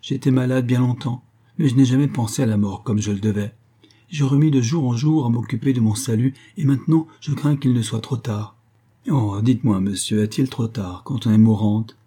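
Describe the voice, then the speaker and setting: A frightened dying woman begs for comfort in a storybook reading, as a male narrator voices her a little higher than his own. Her voice has a soft husky edge and a mellow, dark tone. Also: fairly quick, natural voice. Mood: pleading. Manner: pleading, breathless questions. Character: dying poor woman, anxious and pleading. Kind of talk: audiobook reading.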